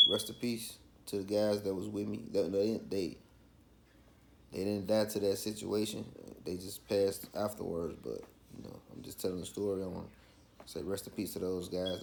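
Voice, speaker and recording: Low, gravelly man with a Chicago accent. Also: fairly bright tone, slight background noise. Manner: slangy, with frequent checking tags like "you feel me". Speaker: vlogger. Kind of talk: casual street storytelling.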